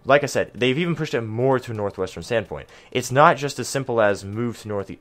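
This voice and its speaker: A man's voice: mid-range voice, a little fast. A man giving a casual map guide for a video game, chatty, with lots of ums and self-deprecating asides. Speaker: gaming video creator.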